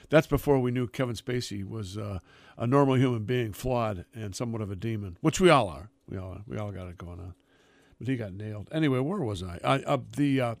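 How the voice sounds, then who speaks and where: A man's voice: mid-range voice, no echo. A man hosting a radio music show in casual, rambling chat, freewheeling and emphatic in his enthusiasm.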